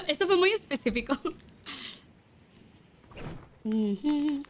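High-voiced Mexican woman streamer. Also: lively intonation, slow. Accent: Mexican Spanish. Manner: chatty, swears, sings along to songs. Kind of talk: casual gameplay chat with singing along.

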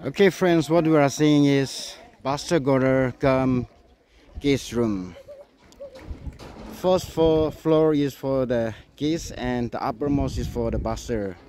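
A man's voice: medium pitch, slow, mellow, low-quality recording. A man giving a casual walking tour to viewers, chatty and pointing things out as he goes, recorded on a handheld phone. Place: outdoors on a hillside village and indoors.

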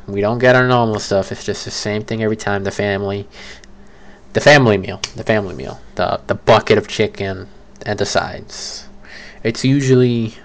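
Low-voiced young man rambling casually. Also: creaky, fairly bright tone. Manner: rambling, self-correcting, chatty. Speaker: creator ranking fast food. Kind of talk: casual solo commentary.

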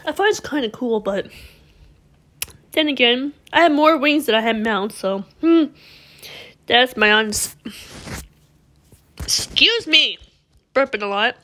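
A woman's voice: on the high side, normal speed, pauses often, a bit bright. A woman giving casual, rambling commentary over a game she is playing, often stopping herself mid-sentence. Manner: rambling, chatty, self-interrupting. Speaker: gameplay video host.

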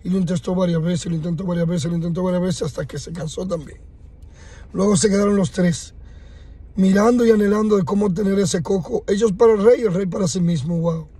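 A man casually telling a motivational fable, animated, acting out sounds and dialogue. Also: sits high, brisk, husky, no echo. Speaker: motivational storyteller.

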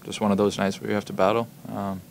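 Low, gravelly young man, halting answers. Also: little pitch movement, slight background noise. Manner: halting, many ums and repeated words. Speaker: hockey player. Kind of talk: postgame press conference answers. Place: press room in front of a logo backdrop. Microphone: table microphones in front of him.

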